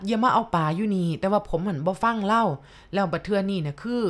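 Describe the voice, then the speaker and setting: A woman's voice: mid-range voice, fast talker, close to an everyday voice. A woman voicing a nervous young village man who pleads politely.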